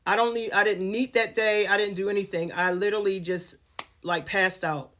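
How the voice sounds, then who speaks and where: A woman's voice: mid-range voice, fairly even intonation, normal speed, a bit bright. A woman telling a personal story in a candid, conversational way, with many fillers and restarts.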